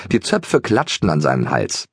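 Low, husky, animated male narrator. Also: normal speed, no echo, clean studio sound. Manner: animated, expressive storytelling. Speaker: audiobook narrator. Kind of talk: lively children's audiobook narration.

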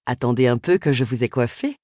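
A woman voicing a confident, flattering male hairdresser in an audiobook, in a lowered, self-assured voice. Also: a little fast, no echo, studio quality.

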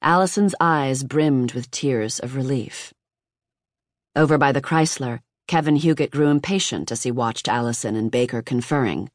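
An audiobook narrator giving a measured, even reading of nonfiction, recorded close in a booth. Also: medium pitch, no room sound.

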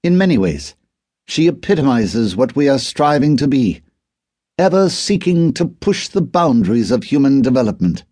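A man's voice: mid-range voice, very animated, moderate pace, dark tone, no echo, studio quality, pitched above the performer's own voice. A man voicing a grieving, proud older father who speaks stiffly and formally, and whose anger comes out as a hiss. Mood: solemn, formal. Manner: stiff formal speechmaking, turns to hissed fury.

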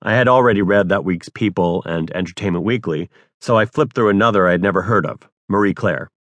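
A man narrating his own memoir as an audiobook, with wry, deadpan humor. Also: low voice, fairly quick, dry recording.

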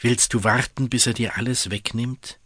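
A man voicing a wise, worried farmer's wife who urges her husband on gently and earnestly in a storybook reading. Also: medium pitch, fairly even intonation, moderate pace, no room sound, lightly acted.

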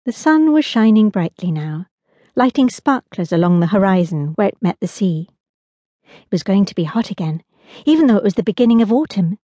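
A woman narrating a children's audiobook in a lively, expressive storytelling manner. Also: medium pitch, fairly quick, no room sound.

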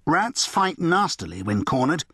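A man's voice: a little high, sing-song, a little slow, vocal fry, bright, forceful tone, slightly rough, no room sound, clean studio sound, pitched above the performer's own voice, heavily acted. A man playing a fierce, curt schoolboy. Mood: terse. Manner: terse, curt. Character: fierce touchy wiry schoolboy.

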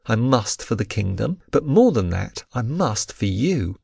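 A man voicing a stern young warrior in an audiobook, firm, measured and authoritative. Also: medium pitch, very animated, gravelly, warm tone, husky, no room sound, studio quality, heavily acted. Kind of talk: audiobook character voice.

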